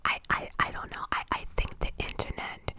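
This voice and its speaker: Woman in a breathy, close-up ASMR whisper. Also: fairly quick, bright, forceful tone. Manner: informal, opinionated, emphatic repetitions, swearing. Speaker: ASMR creator. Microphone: close-up cupped USB condenser microphone.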